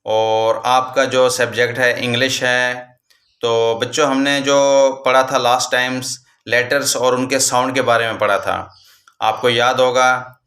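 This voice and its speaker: A man teaching English letters to young children, patient and repetitive, slowing down to spell out each letter at the board. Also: mid-range voice, little pitch movement, bright, forceful tone, echoey room. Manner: patient, repeats "ठीक है बच्चों" often, slows to spell out letters. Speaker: primary school English teacher. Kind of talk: classroom lesson for young children. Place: classroom with a board.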